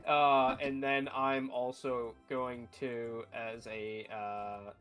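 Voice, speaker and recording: A man's voice: mid-range voice, little pitch movement, very slow, fairly bright tone, clear, resonant tone, soft background music. Hesitant young-sounding tabletop player man. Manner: hesitant, full of ums and restarts. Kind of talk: casual tabletop chat.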